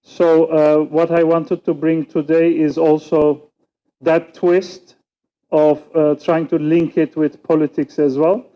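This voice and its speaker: This panelist is a man from Turkey whose first language is Turkish, and his accent shows. He delivers a measured, reflective conference talk full of pauses, with a fairly high pitch and a flat delivery. The audio loses its high frequencies.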